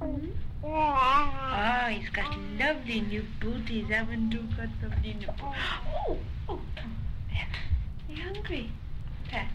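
A woman heard from an old home tape recording, talking and reading aloud at home in a lively, sing-song way. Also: a little high, a little slow, long pauses, over loud music, low-quality recording. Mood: tender.

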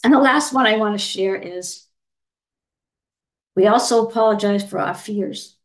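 A woman's voice: medium pitch, a little slow, low-quality recording. A middle-aged woman giving a candid, earnest personal share at a recovery meeting, telling stories with many fillers. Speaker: twelve-step meeting speaker. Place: online video meeting.

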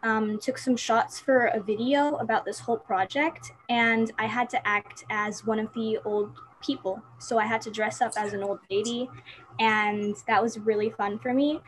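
A woman's voice: fairly high pitch, fairly even intonation, moderate pace, a little hiss or hum, rough recording. A woman answering as a student guest in an interview, upbeat and plainly spoken.

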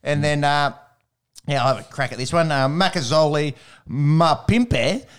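A man's voice: fairly high pitch, measured pace, fairly bright tone, smooth. An Australian man hosting a casual sports podcast, recapping in a slangy, blokey way.

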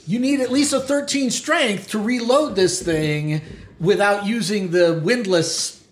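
A man's voice: high voice, a little slow. A man running a tabletop game as game master, narrating scenes and voicing guards as he goes. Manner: animated, voices guards mid-narration. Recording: roomy echo.

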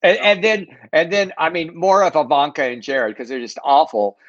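A man's voice: a little high, steady tone, normal speed, dry recording. A man co-hosting a casual chat show, campy and sassy, often stumbling over restarts. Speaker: podcast co-host. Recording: dull, dry lo-fi sound.

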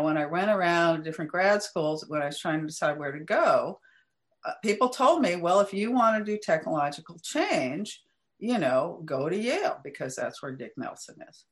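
A middle-aged woman speaks as an interview guest in a slightly low voice. She is chatty and easygoing, often laughing lightly and restarting her sentences. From United States. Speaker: guest academic. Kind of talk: interview conversation.

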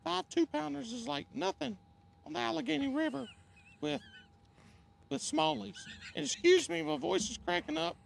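A man voicing a female podcast guest, a folksy angler, in a cracking falsetto with a straight-faced delivery. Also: moderate pace, creaky, a little hiss or hum, full character voice. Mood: earnest. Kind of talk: mock interview answers.

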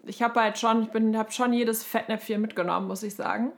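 A German woman in her thirties co-hosts a casual podcast, telling anecdotes colloquially and slipping in English terms. Her voice is on the high side with fairly even intonation and a slightly fast pace.

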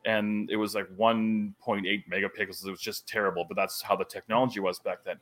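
A man's voice: fairly low pitch, fairly quick. A man in his forties, a wrestling commentator, telling stories animatedly in a casual podcast chat. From Canada. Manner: animated storyteller, laughs often.

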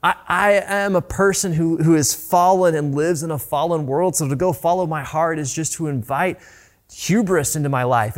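A man preaching a sermon as a pastor, earnest and conversational, often restarting his phrases. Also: on the high side.

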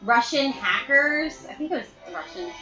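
A woman with a slightly high voice rambles through casual chat, packing her talk with fillers and curses. Her voice rings in a roomy space over a dull, lo-fi sound. Music plays clearly behind her. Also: lively intonation, normal speed. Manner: rambling, full of "like" fillers, swears. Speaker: podcast co-host.

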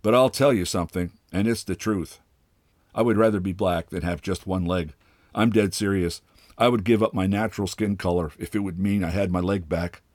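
A man voicing a bitter, pompous old father with a wooden leg, speaking with sardonic, drawn-out mockery in a storybook reading. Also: low voice, steady tone, darkish tone, no room sound, clean studio sound. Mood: scornful.

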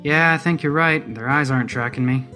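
A man's voice: medium pitch, fairly quick, pushed and bright, soft background music, voice pushed up, close to an everyday voice. A man voicing a tough, swearing woman sheriff who covers her fear with brash bravado. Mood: terse. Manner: brash, profane bravado over nerves.

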